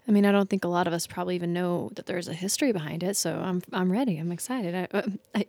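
A woman's voice: on the low side, fast talker, darkish tone, dry recording. A woman co-hosting a podcast, chatting casually in an upbeat way and laughing easily. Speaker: podcast co-host. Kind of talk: casual chat.

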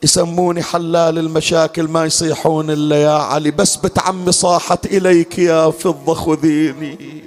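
A man delivering a mourning sermon, moving between spoken storytelling and slow sung lament. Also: on the high side, little pitch movement. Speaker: mourning preacher.

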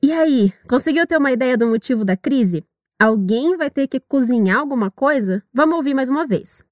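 A woman from Brazil teaching English in a scripted audio lesson, upbeat and encouraging, with slow drilled repetitions. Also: sits high, animated, darkish tone, no echo, studio quality.

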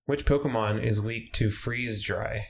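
A man's voice: lowish voice, a little slow, creaky, background noise. A man hosting a casual podcast chat, laid-back and swearing casually, laughing often. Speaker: podcast host.

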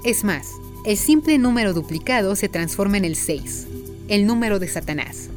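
A woman's voice: mid-range voice, expressive, moderate pace, darkish tone. Woman explaining film music theory. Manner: explanatory, addresses viewers directly, counts beats aloud. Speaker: music appreciation presenter. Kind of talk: scripted educational narration.

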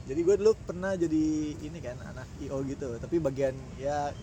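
A man's voice: a little high, fairly quick. A young man with a Jakarta accent telling a slangy street story in casual chat, acting out the people he quotes. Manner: slangy, animated storytelling that acts out quoted exchanges.

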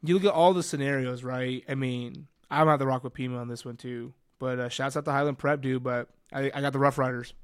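A man's voice: medium pitch, steady tone, a little fast, few pauses, clear, resonant tone, no echo. A man with a mid-range voice co-hosts a sports podcast, tossing out slangy, joking banter. He also works as a schoolteacher. The recording is dry and close-miked. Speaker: podcast co-host; elementary school teacher. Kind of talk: casual sports podcast chat.

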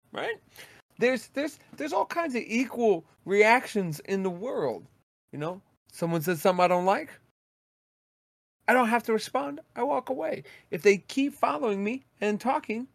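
A high-pitched man holds forth on a podcast in a blunt, profane ranting manner. His voice sits close and dry on the mic, with no room sound around it. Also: creaky, dry recording. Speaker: podcast co-host. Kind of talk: casual podcast rant.

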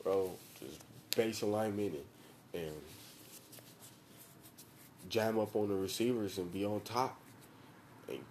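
Slangy young American frat-bro man, mellow voice. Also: on the low side, takes it slowly, long pauses, slight background noise, poor audio. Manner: slangy, profane frat-bro talk, emphatic and repetitive. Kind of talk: casual chat about football tactics.

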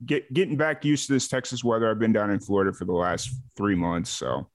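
A man from the south side of Chicago hosting a podcast, relaxed and casual, with lots of uh and you know. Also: fairly low pitch, fairly quick. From south side of Chicago, USA. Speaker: podcast host. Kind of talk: casual interview chat.

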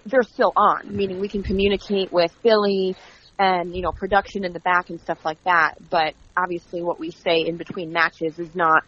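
A woman being interviewed as a wrestling commentator, telling stories in a chatty, animated way and acting out quoted dialogue. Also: on the low side, moderate pace, slightly rough. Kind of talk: casual interview. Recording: dull lo-fi audio.

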